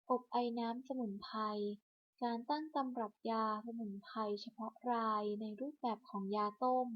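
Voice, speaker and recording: A woman reading a scripted hospital clinic announcement over a public address system, in a measured, list-by-list delivery. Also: on the high side. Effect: broadcast over a hospital public address system. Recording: muffled lo-fi loudspeaker broadcast.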